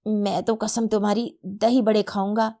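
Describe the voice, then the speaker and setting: A woman's voice: mid-range voice, little pitch movement, normal speed, natural voice. A woman voicing a jovial, teasing young man who indulges his little nephew. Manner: playful, loud hawker calls.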